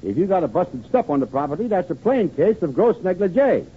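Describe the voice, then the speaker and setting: High, animated pompous know-it-all friend, old radio. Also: male voice, a little fast, background noise. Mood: pompous, advisory. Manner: pompous, mock-learned malapropisms. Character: know-it-all male friend giving pompous legal advice. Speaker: comic actor. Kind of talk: old-time AM radio comedy acting. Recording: tinny old AM radio recording.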